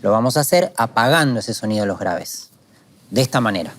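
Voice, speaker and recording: A calm, methodical man from Argentina, explaining guitar strumming technique in a lesson. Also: mid-range voice, brisk. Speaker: guitar teacher. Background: guitar playing.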